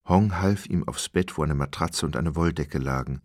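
A man narrating an audiobook in an expressive reading style. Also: rumbling low, normal speed, no room sound, studio quality. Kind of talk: scripted narration.

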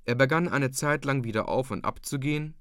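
A man narrating a classic story as an audiobook, measured and expressive. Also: mid-range voice, clear, resonant tone, no room sound, studio quality.

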